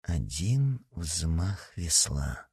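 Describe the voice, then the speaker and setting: A man voicing a cool-headed, ruthless swordsman who speaks quietly and coldly. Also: mid-range voice, expressive, a little slow, pitched above the performer's own voice. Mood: hushed. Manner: quiet, cold and level.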